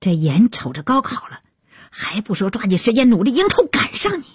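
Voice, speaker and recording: A woman voicing an angry middle-aged mother who scolds her daughter loudly and shrilly. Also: medium pitch, big pitch swings, brisk, slightly rough, no room sound, clean studio sound, exaggerated voice. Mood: angry scolding.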